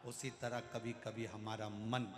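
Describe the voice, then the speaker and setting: A male preacher from Madhya Pradesh telling a folksy devotional story in an animated way at a live gathering. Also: on the low side, takes it slowly. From Madhya Pradesh, India. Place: large hall at a live religious gathering. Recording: echoey hall with long reverb.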